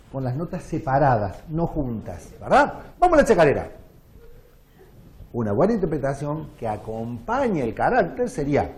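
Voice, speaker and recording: Animated Argentine man lecturing. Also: mid-range voice. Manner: animated, demonstrative, addresses audience with questions. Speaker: music lecturer. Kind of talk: lecture with sung and recited examples. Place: lecture hall.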